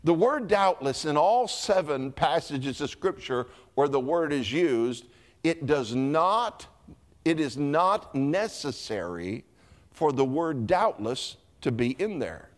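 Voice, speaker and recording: A man's voice: fairly high pitch, sing-song, takes it slowly. A male pastor with a Southern US accent preaching a sermon emphatically, stretching key words and repeating himself.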